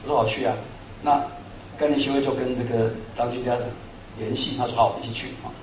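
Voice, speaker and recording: A middle-aged man preaching a sermon to a congregation, telling stories in an animated, self-mocking way. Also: medium pitch, brisk, slight background noise. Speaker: pastor. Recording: echoey hall, speaker far from mic.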